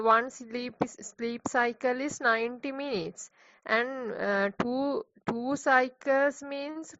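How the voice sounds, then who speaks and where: High, gravelly Sri Lankan woman, hesitant. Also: no room sound. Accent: Sri Lankan English. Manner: hesitant, full of fillers. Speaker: participant asking a question. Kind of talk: questions on an online call. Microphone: video call. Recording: muffled, dry online call audio.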